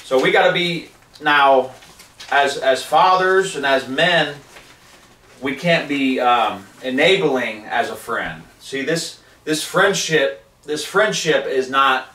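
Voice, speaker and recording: This street preacher, a man in his forties, preaches an impassioned sermon and reads scripture in a wood-paneled living room. His medium-pitched voice is animated, bright and forceful, though he takes it slowly, and the distant camera gives the recording a roomy sound.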